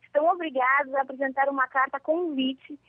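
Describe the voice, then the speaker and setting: A woman's voice: high-pitched, fairly even intonation, brisk, dry recording. A woman from Brazil with a Brazilian accent, a viewer formally reading out a prepared question. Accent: Brazilian Portuguese. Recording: dry, phone-like line.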